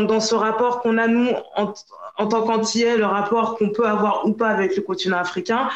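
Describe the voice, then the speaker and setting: A woman's voice: medium pitch, echoey room, lo-fi sound. A woman from France, a podcast guest, talking casually and hesitantly with many fillers. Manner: hesitant, many fillers and restarts, laughs easily. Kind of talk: casual interview chat.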